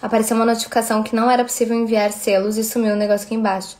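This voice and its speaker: A woman's voice: a little high, flat delivery, rapid-fire, a little mellow. A woman in her thirties with a Brazilian accent, chatting casually on a livestream and thanking viewers by name. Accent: Brazilian Portuguese. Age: 30s. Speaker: livestream host.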